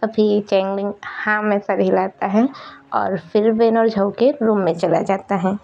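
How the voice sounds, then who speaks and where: A woman narrates a fan-made story in a steady, explanatory manner. Her voice has a gravelly edge, and the recording sounds dull and lo-fi. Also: mid-range voice, a little slow.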